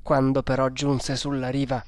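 A man reading a novel aloud as scripted audiobook narration, deliberate and measured. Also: medium pitch, completely flat delivery, a little hiss or hum.

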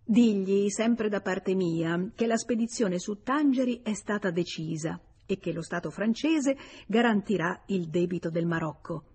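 A woman's voice: mid-range voice, a little slow, dark tone, breathy edge. A woman reading an audiobook gives voice to a smug young man, a scheming lover who talks in a confiding, self-assured way. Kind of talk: audiobook character voice.

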